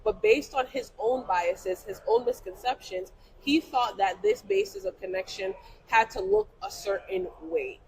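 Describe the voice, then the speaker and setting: A woman's voice: on the high side, a little slow, a little hiss or hum, rough recording. A woman born in Jamaica, a business owner, telling stories in a casual panel chat with lots of "like". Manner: animated storyteller, heavy use of "like". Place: trade show event.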